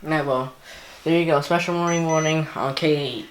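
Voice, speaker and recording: A man's voice: a little high, fairly even intonation, moderate pace. A man giving casual, off-the-cuff commentary as a hobbyist, hesitant and often trailing off. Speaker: weather alert recording hobbyist. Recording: echoey room with faint ambient noise.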